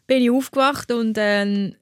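A woman's voice: fairly high pitch, steady tone, measured pace, clean tone, dry recording, studio quality. A woman with a Swiss German accent, candidly telling a personal story in a conversation, with frequent restarts. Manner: candid, restarts often, laughs while telling. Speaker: guest.

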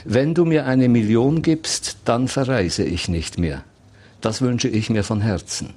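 A man's voice: mid-range voice, unhurried, a little mellow, husky. A man voicing a weary woman who keeps demanding money, his voice somewhat raised.

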